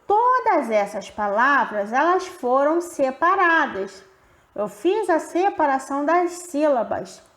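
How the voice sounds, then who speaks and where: A woman gives a grammar lesson in a high, clear voice. She talks slowly and stretches out the example words. The room around her rings with echo. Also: big pitch swings, a bit bright. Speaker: teacher. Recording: roomy echo.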